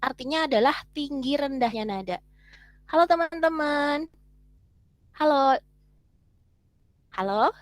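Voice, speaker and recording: A woman from Indonesia teaches a class over a video call in a lively, chatty way, often turning to the audience with questions. Her voice sits high. The sound is dry and close, with no room echo. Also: slow, long pauses. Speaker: webinar teacher. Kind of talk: online teaching lecture.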